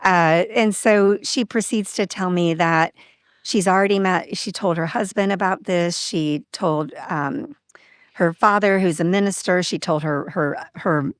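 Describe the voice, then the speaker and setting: A woman's voice: lowish voice, a little slow, no room sound, clean studio sound. A woman guest on a podcast telling a personal story in a casual, open way, acting out what people said. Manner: open, animated, acts out quoted dialogue.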